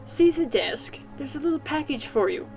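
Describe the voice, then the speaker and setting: A woman's voice: high-pitched, expressive, moderate pace, a little mellow, faint music behind, voice pushed up, low-quality recording. A woman putting on a patronizing British male doctor. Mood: instructing. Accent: British, put on. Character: stern male asylum doctor, condescending.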